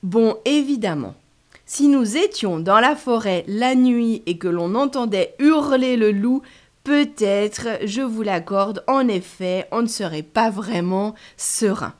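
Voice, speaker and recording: A woman telling a story to children, lively and speaking straight to her listeners. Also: on the high side, slow pace. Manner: lively, addresses listeners directly.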